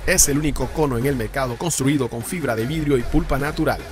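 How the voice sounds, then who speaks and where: This narrator talks fast in a mid-range voice, working through scripted subwoofer specifications and prices for a car audio channel. His delivery stays level and explanatory, with background music underneath.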